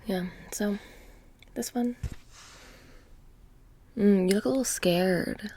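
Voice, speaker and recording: Speaking at a medium pitch, a soft-voiced woman plays a witch who keeps a shop in an intimate, whispery ASMR roleplay. Her menace comes out casual, hesitant, and flat.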